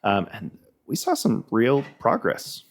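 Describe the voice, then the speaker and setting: A man with a very low voice and a gravelly, fried texture talks casually as a podcast guest. He rambles, restarts his sentences and fills his speech with "like" and "um" as he explains things. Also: wildly swooping pitch, takes it slowly. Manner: rambling, many restarts and "like" fillers.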